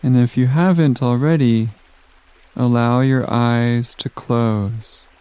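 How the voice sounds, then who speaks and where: Speaking very slowly and leaving long, soothing pauses, a man guides listeners through a sleep meditation. His medium-pitched voice is warm, mellow, smooth and resonant, held to a flat, even tone, and the recording is close and dry.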